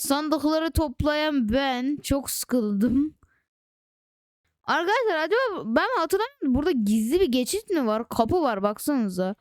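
A woman hosting a gaming channel, chatting excitedly to viewers through casual gameplay commentary on a close desk microphone. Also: high-pitched, clean tone, no room sound.

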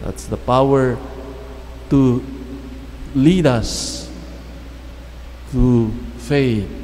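A middle-aged man preaching a homily at Mass, speaking in measured, halting phrases with pauses, into a lectern microphone. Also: mid-range voice, fairly even intonation, mellow, a little hiss or hum. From Philippines. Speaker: priest. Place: church chapel. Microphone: standing mic at lectern. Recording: long church reverb, faint ambience.

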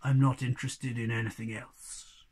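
A reader voicing a sad, weary old hobgoblin magician in a storybook, speaking low and slow, often in a whisper. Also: level tone, darkish tone, breathy edge, lightly acted. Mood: gloomy. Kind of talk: storybook reading.

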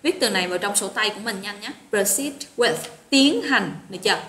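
A woman's voice: medium pitch, animated, a little fast, bright, forceful tone. A woman teaching an English vocabulary lesson online, chatty and encouraging, greeting students by name. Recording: roomy echo with faint noise.

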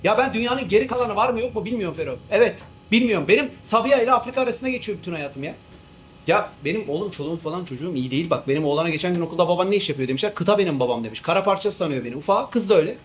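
A man's voice: high-pitched, lively intonation, rapid-fire, slight background noise. A man playing an exasperated male airline captain who grumbles, rants and swears between cabin announcements. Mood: ranting. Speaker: comedian doing a character. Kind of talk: comic monologue sketch.

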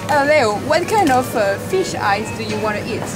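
Chatty high-voiced young woman over loud shop music. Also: expressive, normal speed, poor audio. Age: young adult. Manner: chatty, explains local foods, laughs often. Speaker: vlog host. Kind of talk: casual chat while shopping. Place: indoor supermarket. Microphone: handheld camera at arm's length. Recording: busy supermarket with loud music. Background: loud background music.

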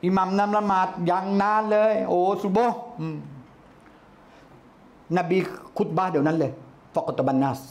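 High-voiced man giving a lively religious lecture. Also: normal speed, long pauses. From Thailand. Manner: lively, calling out chanted phrases loudly. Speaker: Islamic religious teacher.

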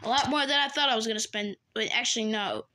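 A woman's voice: on the high side, quick pace, bright, forceful tone, slight background noise. A woman voicing an easygoing earless male creature in a fan-made toy role-play, talking casually and swearing offhandedly.

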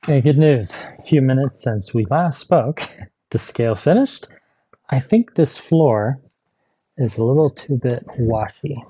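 A man with a very dark, mellow voice chats his way through a gadget review, rambling and wandering into asides. The recording is dull and a bit lo-fi, like a home video. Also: medium pitch, animated, unhurried, slightly rough. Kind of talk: casual vlog review.

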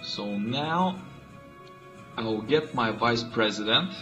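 A man from Bulgaria, a native Bulgarian speaker, talks through his strategy moves in a calm, methodical way. His voice sits at an ordinary middle pitch. Faint music plays behind him. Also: slow, poor audio. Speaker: player. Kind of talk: let's play commentary.

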